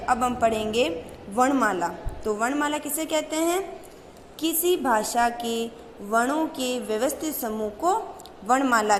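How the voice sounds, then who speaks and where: A woman's voice: a little high, a little hiss or hum. A woman teacher with a Rajasthani Hindi accent giving a grammar lesson, posing questions and answering them herself, drawing out key terms. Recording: echoey room with faint ambience.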